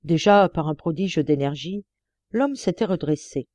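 Warm-voiced woman reading aloud. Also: low voice, dry recording, dull audio. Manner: measured, expressive reading. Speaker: audiobook reader. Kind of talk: scripted narration.

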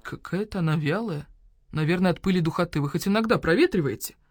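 A woman playing a gruff badger-cat cop. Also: on the low side, fast, a little mellow, dry recording, studio quality, lightly acted. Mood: menacing. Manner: brusque, threatening. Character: tough badger-cat police officer, gruff, impatient. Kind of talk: audiobook character voice.

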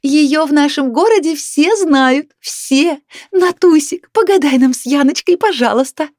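A woman reading aloud, voicing a loud, brash, overbearing woman of about sixty who shrieks her lines. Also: high-pitched, very animated, measured pace, no room sound, studio quality, voice pushed up. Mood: shrieking. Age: 60s.

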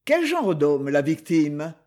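A man voicing a confident young detective who sounds calm and amused. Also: on the high side, takes it slowly.

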